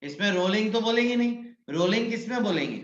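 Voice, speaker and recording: A man's voice: high voice, animated, fast. A man teaching a physics class online, coaxing his students and calling on them by name, mixing English physics terms into his explanations. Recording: muffled echoey room.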